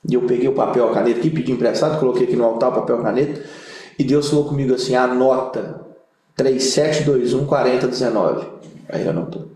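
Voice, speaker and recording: Speaking quickly in a mid-range voice, a young Brazilian pastor recounts humorous tales during a casual interview in an echoey room. He acts them out animatedly, imitating the voices of the people in the stories.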